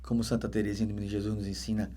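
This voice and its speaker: Husky Brazilian deacon preaching his testimony. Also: lowish voice, little pitch movement, racing. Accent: Brazilian Portuguese. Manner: dramatic, swings between loud emphatic bursts and hushed soft passages. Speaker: permanent deacon giving testimony.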